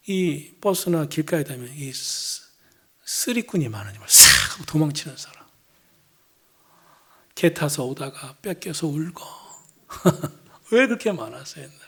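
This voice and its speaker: A middle-aged senior pastor delivers an earnest evening sermon in church, sinking to hushed lines and then building to loud, emphatic ones. His voice is fairly high with a breathy edge.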